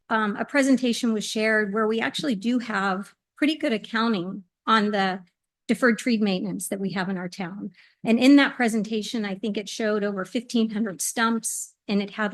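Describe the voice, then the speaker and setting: At a podium microphone in a council meeting hall, a woman delivers an earnest, measured public comment, restarting hesitantly here and there. Her voice sits at a medium pitch.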